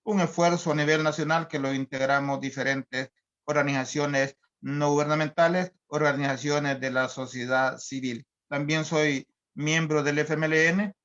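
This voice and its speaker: A man from El Salvador, a guest on an online interview, speaking in a measured way with frequent fillers. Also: fairly high pitch, steady tone, a bit bright. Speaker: guest, environmental organizer. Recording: dull lo-fi audio.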